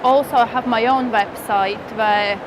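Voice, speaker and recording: A woman's voice: on the high side, steady tone, unhurried. A woman from Latvia, a dog trainer giving an enthusiastic testimonial in simple phrasing with small grammar slips. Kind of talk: testimonial interview. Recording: clear outdoor noise.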